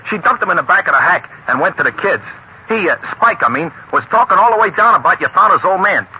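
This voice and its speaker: An actor playing a bumbling, talkative cab driver sidekick who rambles and repeats himself, in old-time radio acting. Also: male voice, high-pitched, lively intonation, fast talker, lo-fi sound. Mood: gabby. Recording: scratchy old radio recording.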